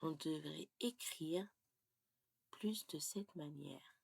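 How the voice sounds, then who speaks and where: A woman gives a pronunciation lesson at a very slow, careful pace. Her voice is gravelly and somewhat husky. She often sinks into half-whispers while writing. The recording is dry and close. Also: sits low, no room sound. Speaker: French pronunciation teacher.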